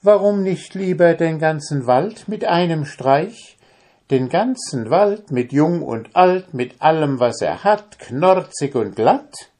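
A man voicing a boastful, quick-witted little tailor in a storybook reading, in a raised, cocky voice. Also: sing-song, warm tone, breathy edge, heavily acted. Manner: high, boastful, sly.

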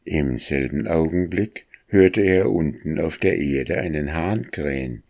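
A man calmly narrating a storybook as an audiobook. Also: a bass voice. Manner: calm, unhurried storytelling.

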